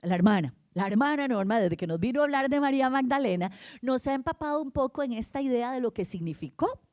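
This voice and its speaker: A woman's voice: high-pitched, expressive, quick pace, a little mellow, no room sound, clean studio sound. A woman preaching an Easter sermon to a congregation, telling the story with animation, acting out voices and often asking her listeners "right?". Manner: acts out voices of the people in the story.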